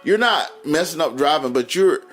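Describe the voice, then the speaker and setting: A man's voice: a little high, moderate pace, soft background music. A man in his forties with a Southern US accent, telling a long story on a podcast and acting out his sons' lines. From North Carolina, US. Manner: animated, laughing storyteller who acts out his sons' lines. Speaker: podcast co-host. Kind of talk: casual storytelling chat.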